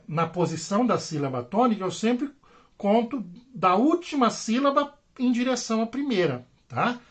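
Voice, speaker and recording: A Brazilian man teaching a grammar lesson online. He explains patiently and repeats himself, tags his sentences with little checks, and stretches out the example words. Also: high-pitched. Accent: Brazilian Portuguese.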